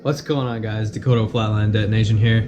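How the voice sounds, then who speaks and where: A man's voice: lowish voice, fairly even intonation, fast, very noisy. A sick man with a nasal, stuffy voice hosts a casual car-build vlog from his home workshop shed and explains each step as he works. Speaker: host.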